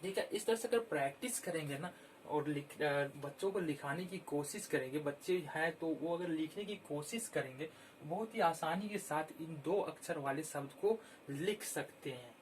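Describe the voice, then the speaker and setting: A man teaching children how to spell words, repeating each word slowly and clearly. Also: fairly high pitch, slight background noise. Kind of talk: slow, patient Hindi spelling lesson.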